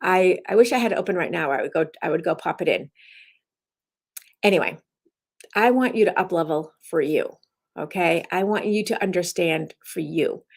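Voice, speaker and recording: A woman's voice: on the low side, moderate pace, gravelly, husky. A woman instructor giving her daily message as rambling casual talk, often restarting her sentences. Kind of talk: casual self-recorded talk.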